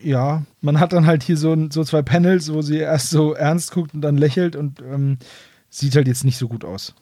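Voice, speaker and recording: A man's voice: fairly high pitch, fairly even intonation, normal speed, dark tone, no echo, studio quality. A man chatting casually and jokily as a podcast co-host, in colloquial speech. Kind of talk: casual discussion.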